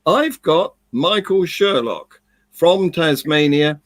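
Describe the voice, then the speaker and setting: Brisk host, slightly high voice. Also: male voice, animated, no echo. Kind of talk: hosting an online event.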